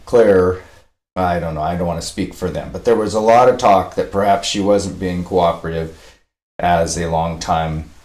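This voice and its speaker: A man's voice: low-pitched, moderate pace, darkish tone, roomy sound. A man talking casually on a live stream, cooing over a puppy and rambling with fillers, a bit sniffly. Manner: coos and baby-talks to a puppy. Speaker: dog rescuer live-streaming.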